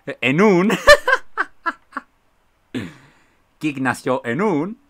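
A man with a Mexican accent streaming a game, reading chat aloud and breaking into excited shrieks and laughter. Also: fairly high pitch, very slow, gravelly. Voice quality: bursts into shrieks and squeals of excitement, laughs often.

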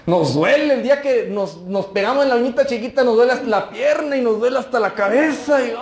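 A man's voice: very high voice, expressive, brisk, roomy sound. A male pastor preaching a conversational sermon, often tossing in rhetorical asides to the congregation.

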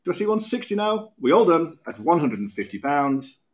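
Auctioneer, British man, thirties, brisk repetitive bid calling from a lectern, voice sitting a touch high. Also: big pitch swings, heavy background noise. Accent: British English. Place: auction room podium, indoors.

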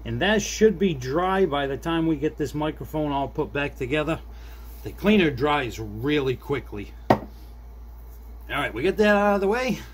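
His voice is a little high and animated, at a moderate pace. He is a middle-aged man making hobbyist repair videos, casually demonstrating a fix without a script while thinking aloud to viewers at a desk indoors, amid background noise and room ambience.

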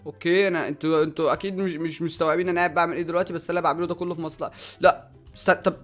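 Man, Egyptian accent, excitable gameplay commentary, bright tense voice, faint music underneath. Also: fairly high pitch, racing. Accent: Egyptian Arabic. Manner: excitable, shouting and yelping at sudden dangers. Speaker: gaming YouTuber.

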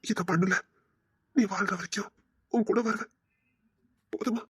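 A woman playing a husky, pleading remorseful husband. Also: mid-range voice, unhurried, fairly bright tone, dry recording, clean studio sound. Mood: tender. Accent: Tirunelveli Tamil. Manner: pleading, repeating apologies. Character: remorseful young husband pleading with his wife.

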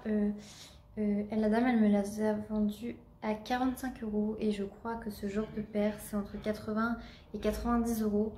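A woman's voice: medium pitch, dark tone, reverberant, slight background noise. A woman with a Normandy French accent chatting casually at home in a vlog, with many fillers and restarts. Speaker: vlogger.

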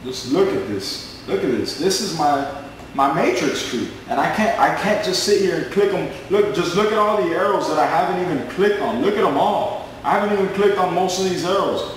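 A man in his twenties giving a screen-recorded sales pitch, pushy and boastful, repeating himself a lot. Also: animated, normal speed, echoey room, slight background noise, low-quality recording. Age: 20s. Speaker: network marketing recruiter.

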